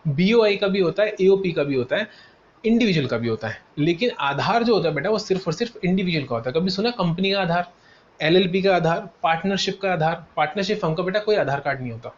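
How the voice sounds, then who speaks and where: A man's voice: high-pitched, lively intonation, fast talker. A male tutor giving a classroom lecture. He calls students "beta", answers his own questions in a student's voice, and repeats key terms. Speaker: CA exam tutor. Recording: dull lo-fi sound with faint noise.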